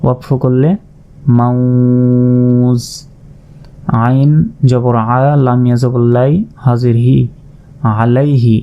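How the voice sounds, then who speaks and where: A man's voice: mid-range voice, flat delivery, unhurried, faint music behind. A man teaching Quran reading, spelling out letters and vowel marks one by one, then drawing out the sounds. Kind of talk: slow step-by-step recitation lesson. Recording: slightly dull lo-fi sound.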